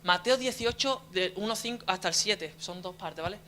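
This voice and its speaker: A man's voice: sits high, normal speed, sharp tone, slight background noise. A young man, preaching a conversational sermon as a deacon, telling his story with frequent tag questions and restarts.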